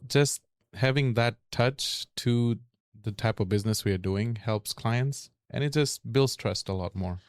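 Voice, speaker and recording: A man's voice: mid-range voice, unhurried, clear, resonant tone, no room sound, studio quality. A man from Fiji with a Fiji Indian accent and Fiji Hindi as his first language, talking conversationally on a panel. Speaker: real estate agent and lender on a panel.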